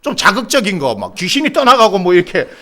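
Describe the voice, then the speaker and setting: Middle-aged man, Gyeongsang accent, lively high-pitched preacher who ribs his flock. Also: fast. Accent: Gyeongsang Korean. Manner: animated, teasing the congregation by name, bursts of exasperation. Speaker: pastor. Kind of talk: sermon.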